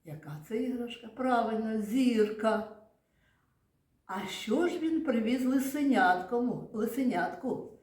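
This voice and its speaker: A woman's voice: fairly high pitch, a little slow, a little mellow, reverberant. A woman kindergarten teacher leading young children through a lesson, patiently asking questions, praising answers and spelling out sounds and syllables.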